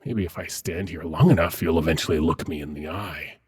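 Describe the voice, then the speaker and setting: Here the same suave demon prince, played by a man, coaxes softly in a very deep register, his voice thick with husk and breath. Haughty yet courtly, he speaks with measured condescension, delivering a dramatic ASMR roleplay monologue in the style of seductive fantasy audio.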